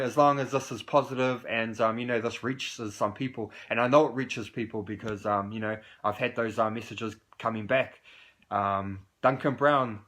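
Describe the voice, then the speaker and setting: A man's voice: medium pitch, a bit bright. A man with a New Zealand accent hosting a live recovery stream in loose, rambling casual chat full of fillers. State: in recovery, six months clean.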